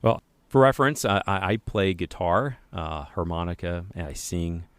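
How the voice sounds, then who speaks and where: Upbeat low-voiced podcast co-host, a man. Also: lively intonation, moderate pace, a bit bright, no echo. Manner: enthusiastic, upbeat, with frequent fillers. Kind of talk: casual chat.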